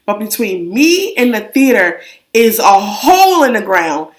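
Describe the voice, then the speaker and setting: A young adult woman co-hosting a casual chat, telling a story with an animated, exaggerated delivery and acted-out quotes. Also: mid-range voice, measured pace. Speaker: co-host.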